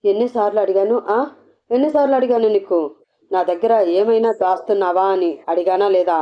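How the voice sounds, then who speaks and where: A woman's voice: on the low side, close to an everyday voice. A woman voicing a menacing, possessive male gang boss who sneers and threatens, in a storybook reading. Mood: angry. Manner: sneering, threatening, slow and soft then snapping. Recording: dull lo-fi audio.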